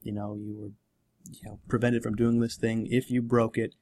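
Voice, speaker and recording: A man's voice: mid-range voice, flat delivery, normal speed, a little mellow. A man who runs the game, talking casually on a podcast about tabletop play, rambling and correcting himself as he goes. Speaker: game master.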